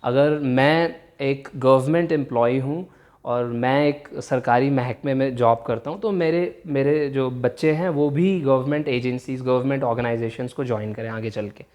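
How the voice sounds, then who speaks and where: Man teaching words slowly. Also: mid-range voice, a little mellow. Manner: explains slowly, repeats words carefully, switches between Hindi and English. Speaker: English teacher. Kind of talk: bilingual vocabulary lesson.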